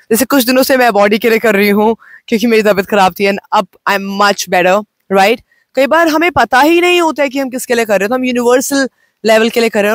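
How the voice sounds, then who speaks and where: A woman life coach gives a gentle, slow self-help talk, mixing Hindi and English. She is unwell and says her voice sounds off. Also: on the high side, no room sound. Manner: mixes Hindi and English, speaks slowly and gently. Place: outdoors on location.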